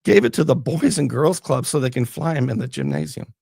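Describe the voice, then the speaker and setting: A man's voice: medium pitch, brisk, vocal fry, a little mellow, slightly rough, no echo, clean studio sound. A man hosting a talk show, getting fired up and blunt as he questions his guest. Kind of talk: heated political interview.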